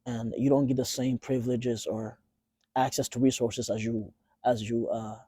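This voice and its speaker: A young man from Tanzania talks as an interview guest, easygoing and halting, often restarting his sentences. His voice is dark and mellow at an average pitch. The sound is dry and close. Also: no room sound. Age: 20s. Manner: relaxed, halting, with many fillers and restarts. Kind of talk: casual interview.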